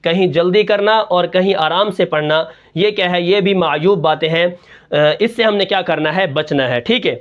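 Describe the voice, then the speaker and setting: A male Quran teacher with a high, light voice. He explains recitation rules in a repetitive question-and-answer pattern, dropping his voice low on each answer. The audio is dull and muffled, like a lo-fi recording. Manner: breaks into slow, drawn-out Quran recitation to demonstrate. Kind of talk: tajweed lesson in Urdu.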